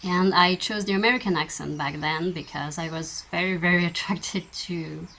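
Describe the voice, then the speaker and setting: A woman in her thirties with a French accent, French native, chatting gently and thoughtfully as she answers viewer questions in a slow-living vlog. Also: fairly low pitch, gravelly. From France. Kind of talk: casual Q&A chat.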